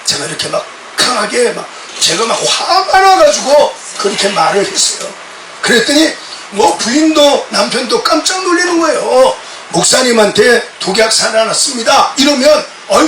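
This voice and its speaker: Middle-aged man preaching a fiery sermon, shouting at peaks, voice sitting very high, heard from across a reverberant sanctuary. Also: a little hiss or hum. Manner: impassioned, shouts quoted words. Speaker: pastor. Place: church sanctuary. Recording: echoey church sound from a distant mic.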